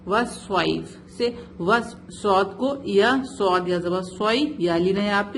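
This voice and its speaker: A woman teaching Quran recitation with tajweed, speaking slowly and patiently, spelling out letter sounds and often checking for understanding. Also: medium pitch, slight background noise. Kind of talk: one-on-one recitation lesson.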